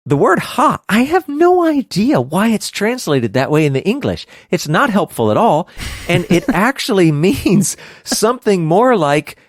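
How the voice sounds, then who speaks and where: A man co-hosting a casual Bible study podcast, animated and quick to laugh, with hammy outbursts. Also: sits high, no room sound, studio quality. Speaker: podcast co-host teaching scripture.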